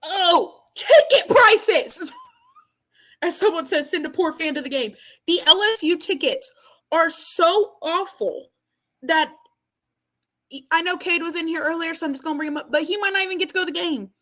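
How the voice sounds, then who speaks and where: A woman co-hosting a casual podcast chat over an online call, giggly, blunt and excitable. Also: extremely high pitch, moderate pace. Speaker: podcast co-host.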